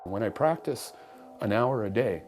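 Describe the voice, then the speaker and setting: A man's voice: fairly low pitch, expressive, a little slow. A man telling personal reflections like a storyteller, in a lyrical, musing and earnest way. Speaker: harp player. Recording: music under the voice. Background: music.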